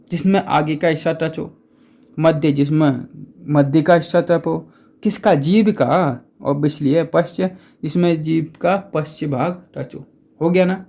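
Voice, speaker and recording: A man's voice: a little high, measured pace, gravelly, darkish tone. A man teaching Hindi grammar in a casual exam-prep lesson, chatty, asking and answering his own questions and repeating key points.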